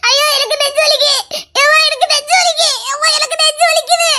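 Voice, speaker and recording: A woman's voice: very high-pitched, steady tone, fairly quick, sharp tone. A woman performing a family comedy skit, wailing and crying out in exaggerated mock distress. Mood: comic wailing.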